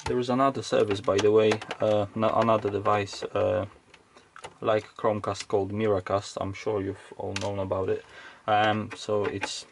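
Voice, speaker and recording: A probably middle-aged man rambles hesitantly while improvising a teardown demonstration at his home workbench, a casual video from an electronics hobbyist. The voice is creaky and fairly low, delivered flat at a normal speed. Clicks and faint background noise run through the recording.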